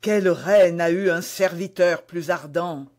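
Reading for a historical romance audiobook, a man with a high-sitting, somewhat mellow voice takes the role of a young duke in love, passionate and melancholy. His pace is measured as he pleads ardently.

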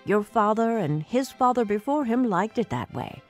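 Storybook old bell ringer, small and deferential, raised pitch, played by a woman narrator. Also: lively intonation, moderate pace, faint music behind, close to an everyday voice. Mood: nervous. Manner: stammering, deferential. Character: timid wee old male bell ringer.

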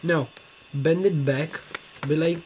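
A young man with a Romanian accent gives a casual step-by-step tutorial while sitting on his bed in a bedroom. His voice is fairly high, steady and a bit mellow, and he speaks haltingly, hunting for words and repeating himself. A close webcam captures dull, lo-fi audio with a faint hiss.

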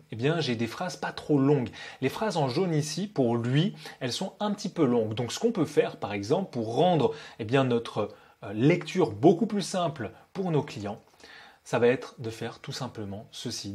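Young male copywriter, husky voice, casual hesitant screen-share tutorial, middle pitch. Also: a little mellow. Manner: hesitant, many "euh, eh bien" fillers, addresses viewer informally. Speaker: copywriter teaching software tools.

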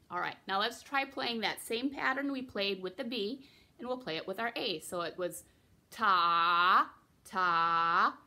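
A woman's voice: a little high, vocal fry, sharp tone. A young woman giving a recorder lesson for children, patiently explaining and encouraging, counting her students in. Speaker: music teacher.

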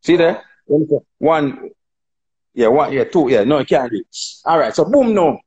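A man with a Jamaican accent chatting on a phone livestream, telling animated stories, laughing and acting out dialogue. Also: fairly high pitch, normal speed, dull audio. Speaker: dancehall artist on a live stream. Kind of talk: casual chat on a livestream.

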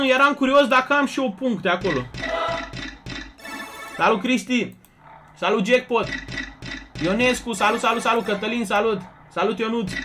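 Excitable high-voiced male streamer over music. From Romania. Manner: loud, excitable, greets chatters rapidly. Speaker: slots streamer. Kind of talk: casual live-stream chat.

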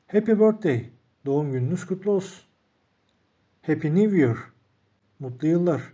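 A man teaching an English lesson, reading each phrase out and then explaining it calmly to the viewers he calls friends. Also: a little high, normal speed. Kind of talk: recorded language lesson. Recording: dull lo-fi recording.

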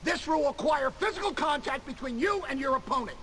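An actor playing a gruff, bullying school gym coach in a video game, barking commands and insults. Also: male voice, extremely high pitch, lively intonation, fairly quick, a bit bright, slight background noise. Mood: scornful, commanding. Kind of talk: video game character acting.

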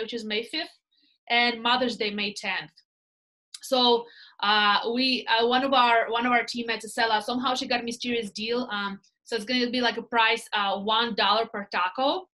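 Heard through a low-quality recording, a woman in her thirties with a Russian accent and a slightly high voice chats as a guest about her work as a real estate team leader. She's an animated storyteller who gestures and often says "right?" The casual interview takes place over a laptop webcam video call in a small indoor room.

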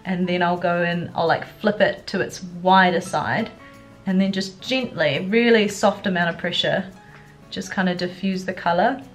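A young woman talks through her makeup routine in a casual, chatty way, sounding sick and stuffed up with a cold. Her pitch sits in the middle, and music plays behind her. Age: young adult. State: congested with a cold, feeling groggy and unwell. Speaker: beauty vlogger. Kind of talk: chatty get-ready-with-me makeup tutorial. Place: furnished living room at home, indoors. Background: background music.

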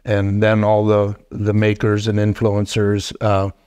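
A middle-aged man hosting a casual podcast interview, talking haltingly with many fillers and restarts into a desk mic in a wood-paneled studio. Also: fairly low pitch, completely flat delivery, a little mellow, smooth. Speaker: podcast host. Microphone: boom mic on desk stand.

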